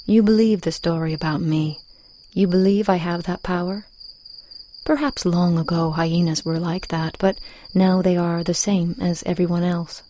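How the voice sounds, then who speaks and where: A woman voicing a sly, persuasive hyena in a storybook fable, measured and coaxing. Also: fairly low pitch, fairly even intonation, warm tone, slight background noise, close to an everyday voice. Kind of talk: storybook reading.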